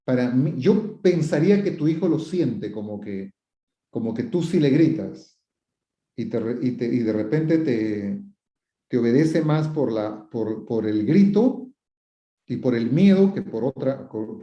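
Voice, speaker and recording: In an unhurried, warm, animated mid-range voice, a psychotherapist takes viewers' questions and gives advice. He repeats himself a lot, asks rhetorical questions, quotes questioners and plays out sample phrases, in a roomy recording with dull lo-fi sound.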